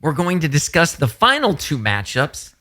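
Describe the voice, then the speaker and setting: A man co-hosting a podcast in casual chat, animated and quick to laugh. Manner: animated, laughs often, swoops up in pitch. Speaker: podcast co-host.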